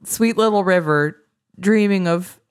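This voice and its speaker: A woman co-hosting a podcast in casual chat, animated and quick to joke, sounding incredulous at times. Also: medium pitch, clear, resonant tone. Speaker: podcast co-host.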